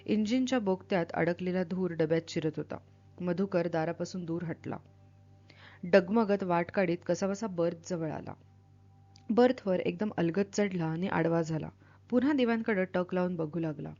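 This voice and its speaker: A woman reading a novel aloud with expressive, dramatic delivery, then explaining it as a literature teacher. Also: fairly low pitch, moderate pace, lo-fi sound.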